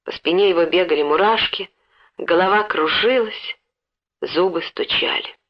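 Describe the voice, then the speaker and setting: A woman narrating an audiobook story in an expressive, dramatic reading. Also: on the low side, moderate pace. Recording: dull lo-fi recording.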